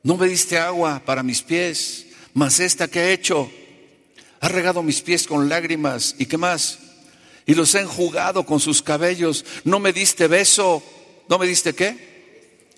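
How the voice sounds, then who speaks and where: A male preacher giving a sermon, conversational and animated, who keeps asking the congregation questions. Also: on the high side, vocal fry. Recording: long reverb of a large hall.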